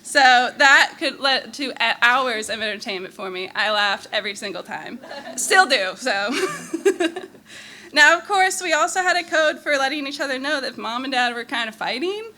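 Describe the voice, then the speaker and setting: A woman's voice: sits high, expressive, moderate pace, bright, forceful tone. A woman, a younger sister, giving a prepared memorial speech in a fond, humorous way. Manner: fond and humorous, laughing between lines.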